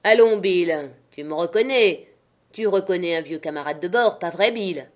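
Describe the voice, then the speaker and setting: A woman's voice: fairly low pitch, normal speed, close to an everyday voice. A woman voicing a sly, menacing old male sailor who speaks with false friendliness. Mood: sly, coaxing.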